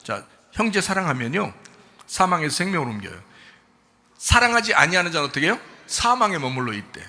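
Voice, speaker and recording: A male pastor delivering a sermon, moving from soft explanation to shouted rebuke and mocking the prayers he quotes. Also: a little high, very animated, brisk. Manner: shifts from soft talk to shouted rebuke, addresses listeners as "you".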